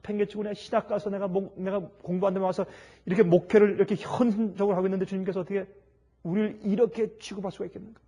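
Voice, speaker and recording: A man's voice: high voice, little pitch movement, very fast, warm tone. A man preaching a sermon, telling a story dramatically and acting out its people.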